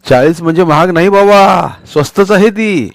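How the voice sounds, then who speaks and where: A man's voice: mid-range voice, brisk, no room sound, close to an everyday voice. A man playing a haggling village shopkeeper. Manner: matter-of-fact, haggling. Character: bargaining middle-aged male shopkeeper.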